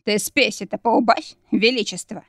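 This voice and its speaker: A woman's voice: a little high, moderate pace, no room sound. Brief: sneering, self-satisfied male dragon villain, read by a woman in a dry audiobook voice. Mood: smug. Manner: sneering, smug. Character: arrogant, scornful male dragon schemer.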